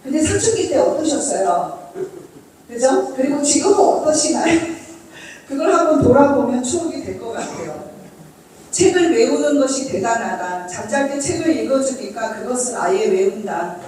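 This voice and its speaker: A woman's voice: high voice, sing-song, normal speed, darkish tone, very echoey, recorded from a distance, a little hiss or hum, low-quality recording. A middle-aged woman reading from her parenting diary and chatting with an audience, asking them questions. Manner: reads diary entries aloud, then chats with listeners, asking them questions. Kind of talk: storytelling talk to an audience.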